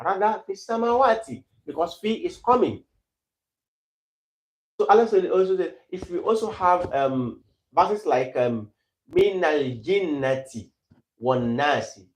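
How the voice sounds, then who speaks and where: A man teaching Arabic grammar who repeats example phrases slowly and then explains them. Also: fairly high pitch. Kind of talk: grammar lesson. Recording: echoey room.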